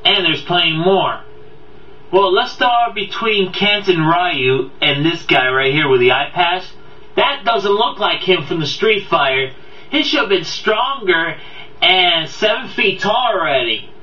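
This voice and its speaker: An amateur video game movie reviewer with a high, expressive voice rambles unhurriedly through a casual, unscripted countdown review, stumbling and repeating words. He sounds distant and dull on the mic in a boxy, echoey room, with audio playing in the background.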